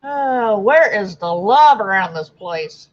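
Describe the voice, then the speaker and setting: High-voiced man with muffled, teasing replies. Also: lively intonation, slow. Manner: teasing, short dry replies. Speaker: co-host. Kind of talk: casual stream chat. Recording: dull, muffled sound.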